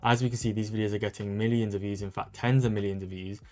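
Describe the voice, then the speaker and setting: Rapid-fire upbeat man with a low voice. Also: steady tone, darkish tone. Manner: rapid, upbeat sales-pitch delivery. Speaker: online content creator teaching social media growth. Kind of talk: screen-recorded tutorial walkthrough.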